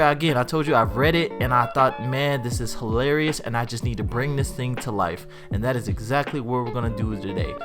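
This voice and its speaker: A man telling a funny online story aloud in a casual, animated way, getting higher and louder at the wild parts. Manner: lively, swings from low to high and loud when excited. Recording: faint music behind.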